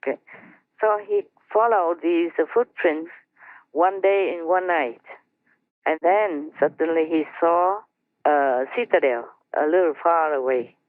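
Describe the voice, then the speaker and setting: A woman slowly telling a story to her team over a conference line, chatty and laughing between phrases. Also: low voice, no echo. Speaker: spiritual teacher telling a story. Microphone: phone or conference line. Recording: tinny dry phone line.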